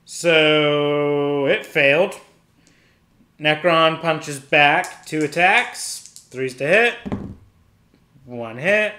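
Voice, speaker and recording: A man with a fairly high, sharp-toned voice draws out his words while casually narrating a solo tabletop wargame, calling out each dice roll step by step and thinking aloud. The recording is from an echoey room with a little hiss or hum.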